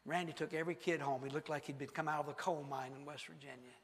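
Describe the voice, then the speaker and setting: A preacher tells a story from the pulpit, asking the congregation questions and acting out scenes as he goes. His voice sits a touch high for a man. It rings through the long reverb of a church sanctuary. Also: fast. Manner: animated, rhetorical questions, acts out the story. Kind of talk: sermon with storytelling.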